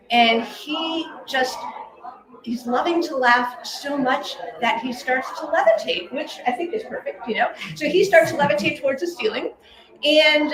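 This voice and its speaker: A bubbly woman leading a live laughter meditation session, often laughing as she talks to the group. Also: high-pitched. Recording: echoey room with a live crowd.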